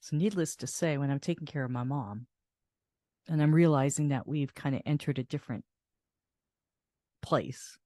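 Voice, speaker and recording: An older woman host telling a personal caregiving story in a soft, reflective way, restarting her sentences as she goes. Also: low-pitched, moderate pace, pauses often, dry recording. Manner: reflective, soft-spoken with frequent laughs and restarts.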